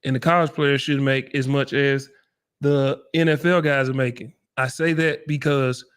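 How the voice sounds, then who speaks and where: A middle-aged man hosting a casual livestream chat, talking in a relaxed, encouraging, folksy way. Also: medium pitch, normal speed, clean tone. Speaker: livestream host.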